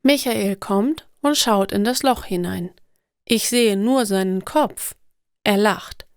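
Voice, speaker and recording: A woman narrating stories for language learners in a slow, clear, deliberate scripted reading. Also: mid-range voice, a little mellow, no echo, studio quality.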